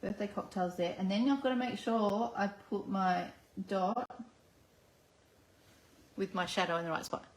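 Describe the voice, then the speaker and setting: An Australian woman gives a live card-making demonstration at her crafting table, chatting and talking herself through every step. She speaks at a medium pitch, unhurried and with frequent pauses, in an echoey room with faint background noise.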